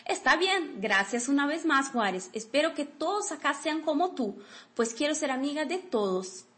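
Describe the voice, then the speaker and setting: A woman's voice: high-pitched, lively intonation, normal speed, fairly bright tone. A woman reading a friendly new employee. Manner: plain, courteous textbook reading. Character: friendly young woman starting a new job.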